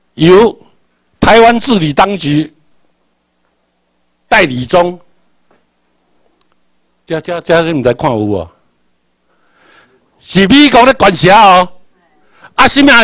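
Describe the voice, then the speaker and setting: A man whose voice sits high and a bit bright lectures a class with a Taiwanese Hokkien accent, with no echo in the recording. He repeats his points, quizzes his listeners, and spells out English letters.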